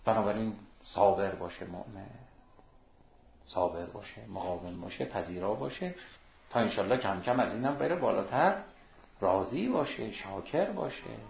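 A man preaching a sermon, emphatic and exhorting, with sudden rises and hushed drops, in a roomy, dull recording. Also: on the low side, expressive, vocal fry, a little hiss or hum.

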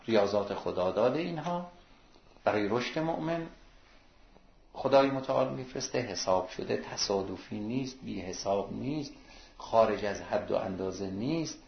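A man preaching a sermon, emphatic and exhorting, with sudden rises and hushed drops, in a roomy, dull recording. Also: on the low side, expressive, gravelly.

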